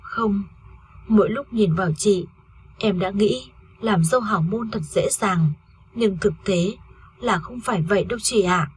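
A woman's voice: mid-range voice, unhurried, breathy edge. A woman reading a story aloud, voicing a grieving young wife who has lost her baby, in a tearful, pleading way. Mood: bitter.

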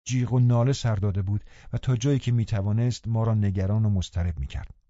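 A man narrating a classic novel in a calm, even storytelling manner. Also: fairly low pitch, no room sound, dull audio. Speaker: audiobook narrator.

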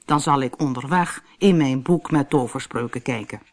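Woman reading a gentle little witch. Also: extremely low pitch, normal speed, voice pushed down. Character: small, kindhearted female witch.

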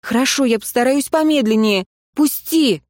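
A woman reading an audiobook, voicing an angry, stubborn young woman who shouts back in protest. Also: high-pitched, normal speed, dry recording, studio quality, pitched above the performer's own voice, lightly acted. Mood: indignant. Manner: indignant, shouting.

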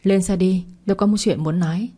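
A woman's voice: medium pitch, fairly even intonation, a little fast, warm tone, lightly acted. A woman voicing a cold, jealous young woman who talks in curt, sneering lines.

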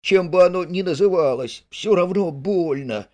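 A man's voice: mid-range voice, sing-song, moderate pace, darkish tone, voice pushed up. A man voicing a fussy, plaintive male mole who complains and quibbles in a storybook reading. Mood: pained. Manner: whiny, pedantic complaining.

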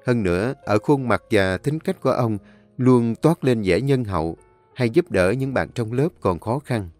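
A man narrating a story in a calm, measured, solemn way. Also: mid-range voice, faint music behind.

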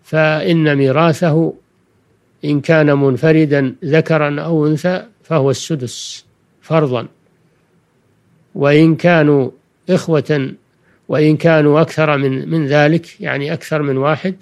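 An older man, a religious scholar, giving a Quranic lesson in formal Standard Arabic, deliberate and didactic, repeating key phrases. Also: a little high, fairly even intonation. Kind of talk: Quranic exegesis lecture for listeners.

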